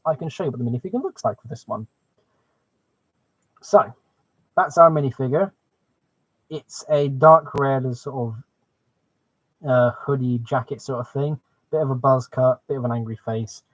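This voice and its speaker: A man's voice: mid-range voice, no room sound. Man live streaming through a muffled microphone. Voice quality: muffled sound. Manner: enthusiastic, exclaiming. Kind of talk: casual chatty live stream about a building hobby. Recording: muffled microphone, dry close sound.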